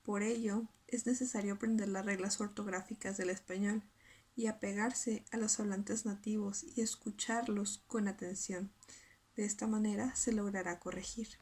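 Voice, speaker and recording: A woman whose first language is Spanish, reading a scripted lesson and sounding out syllables slowly. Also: mid-range voice, steady tone, a little mellow, husky. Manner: reads carefully, spells out syllables slowly. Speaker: student presenter.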